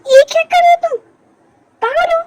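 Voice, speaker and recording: A woman's voice: extremely high pitch, a little fast, crowd noise, low-quality recording. A woman voicing a young woman just woken from a coma in an amateur fan dub, emotional and pleading. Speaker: fan dubber.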